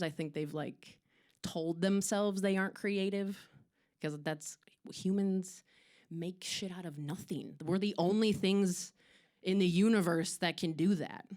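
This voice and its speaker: A woman's voice: low voice, a little mellow. A young woman, a performer, answering audience questions in casual chat, rambling and self-deprecating with many fillers.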